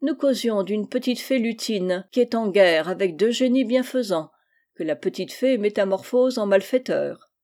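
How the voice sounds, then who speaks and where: A frank old family friend, as a woman reader puts him on, speaks bluntly and firmly. The voice stays mellow and unhurried in a storybook reading. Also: mid-range voice, expressive, natural voice. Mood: teasing. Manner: blunt and stern. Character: frank, gruff but kindly old man.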